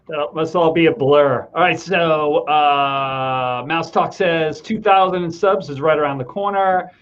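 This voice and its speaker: Relaxed male livestream host, slightly high voice, dull lo-fi sound. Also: slow pace, clean tone. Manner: easygoing, chatty, brief affirmations. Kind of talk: casual livestream interview, reading viewer comments. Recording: dull lo-fi call audio.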